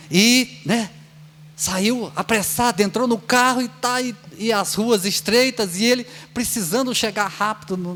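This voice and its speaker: A man's voice: high voice, a bit bright, slight background noise. A man with a Brazilian Portuguese accent giving a spiritist lecture, telling stories and acting out the voices of the people in them. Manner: storytelling, acts out voices of people in his anecdotes. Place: lecture hall of a spiritist center.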